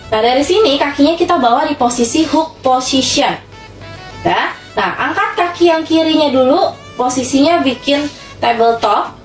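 An Indonesian woman instructing an exercise class, cueing breaths and counting workout reps in short phrases. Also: high voice. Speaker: fitness instructor for older adults. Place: small tiled indoor room at home. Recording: echoey room, distant mic, music behind.

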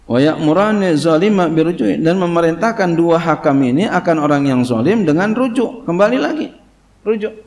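A man's voice: a little high, animated, darkish tone. Man teaching Quranic commentary. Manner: reads Arabic text slowly, then explains in casual Indonesian with frequent "ya". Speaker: Islamic cleric teaching tafsir. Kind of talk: kitab study sermon.

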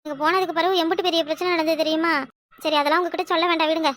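A fretful, complaining cartoon village wife, voiced by a woman. Her voice is extremely high and fast, with a southern Tamil Kanyakumari accent. She laments and grumbles as she talks. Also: flat delivery, fairly bright tone. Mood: lamenting. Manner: complaining, lamenting, exclaims to herself. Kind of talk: cartoon voice acting.

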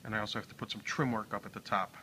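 A man's voice: on the low side, steady tone, rapid-fire, background noise. A man with a Chicago accent, a remodeling contractor walking through a factory bathroom job and explaining the work in a plain, matter-of-fact way with many fillers, filmed on a handheld phone. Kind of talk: casual walkthrough narration. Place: large unfinished factory bathroom. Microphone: handheld phone camera. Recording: echoey empty room.

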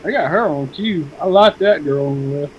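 High-voiced goofy man joking over a game. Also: moderate pace, lo-fi sound, a crowd in the background. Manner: crude, goofy running gags. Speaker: co-player in a let's play. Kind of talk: casual gaming banter.

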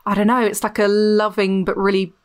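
Mid-pitched woman chatting as podcast guest. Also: flat delivery, a little fast. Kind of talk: casual film discussion.

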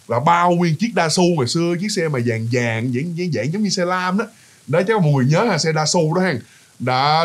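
A man's voice: a little high, slightly rough. A man with a Southern Vietnamese accent, telling a ghost story casually, chatty and full of fillers and repeats, talking straight to his listeners.

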